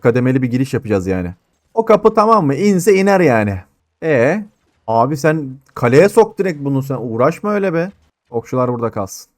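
A man giving casual gameplay commentary, excitable, swearing at his soldiers and barking orders. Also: medium pitch, no room sound. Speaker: gaming YouTuber.

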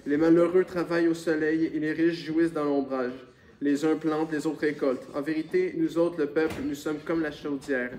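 A man's voice: on the high side, little pitch movement, moderate pace, darkish tone, close to an everyday voice. A man reading the part of a bitter, wry peasant who speaks in proverbs, on a noisy recording with clicks. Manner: bitter, sententious.

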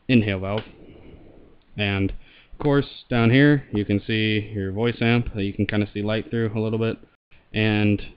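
A man's voice: fairly low pitch, clear, resonant tone, lo-fi sound. A man giving a casual, hands-on product demonstration as a reviewer. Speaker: gas mask reviewer.

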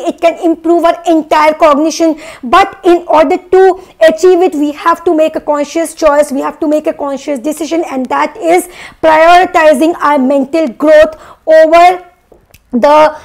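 A woman's voice: very high voice, fairly even intonation, measured pace, a little mellow. A young woman from India giving an earnest, emphatic spiritual motivational talk, preachy and repeating phrases to drive points home. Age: young adult. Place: small indoor room, seated at a desk.

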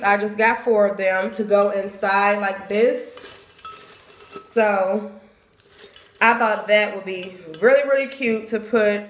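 A woman's voice: mid-range voice, fairly bright tone. A young woman filming herself on a phone in her bathroom, chatting casually as she shows items and their prices. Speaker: home decor vlogger. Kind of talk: casual haul and home tour. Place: small home bathroom, indoors. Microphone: phone camera at arm's length. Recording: echoey bathroom.

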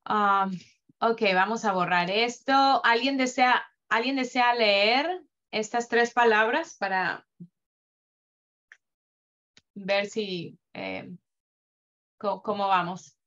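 A woman teaching Hebrew reading in a live class, slowly drawing out sounds to demonstrate them with patience. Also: medium pitch, fairly bright tone. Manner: patient, drawn-out demonstrative pronunciation. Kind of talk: slow online reading lesson. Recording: dull lo-fi audio.

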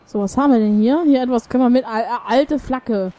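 A woman's voice: on the high side, brisk, dark tone, no room sound. A woman giving casual gameplay commentary, reading options aloud and adding wry asides. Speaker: let's player.

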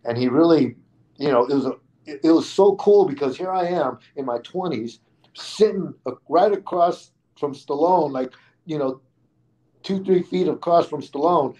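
A man being interviewed on a podcast, telling a lively anecdote in casual speech, often restarting his phrases. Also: fairly high pitch, normal speed, low-quality recording. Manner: animated anecdote teller with frequent restarts, acting out quoted people. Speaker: guest.

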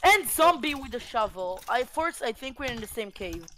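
A woman playing a video game with friends on stream, teasing and shouting when excited. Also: a little high, moderate pace, crowd noise. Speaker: gaming guest. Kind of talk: casual gaming chat.

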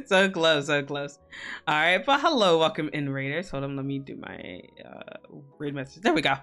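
A woman's voice: deep voice, lively intonation, normal speed, a bit bright. A woman hosting a casual livestream as a VTuber, chatting with viewers in a playful, giggly, mock-scolding and casually sweary way. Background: music.

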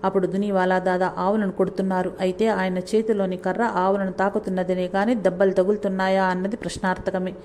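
Woman reading a devotional biography, flat-toned. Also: medium pitch, a little hiss or hum. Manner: steady, measured reading with self-corrections. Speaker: narrator reading a saint's biography.

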